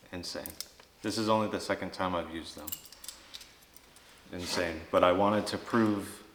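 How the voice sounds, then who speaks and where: Echoey, low-voiced man hosting a ghost hunt. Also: a bit bright, a little hiss or hum. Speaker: host of paranormal investigation vlog. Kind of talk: casual ghost-hunting vlog, questioning spirits. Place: inside an old general store at night. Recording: echoey reverberant large indoor room.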